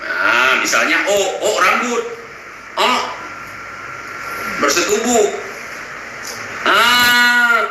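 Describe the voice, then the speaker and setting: A man casually explaining word meanings in a lively, emphatic way, leaning on repeated "nah" between points. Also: high voice, drawn-out words, long pauses. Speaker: explainer of Acehnese language. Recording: very echoey room with noise.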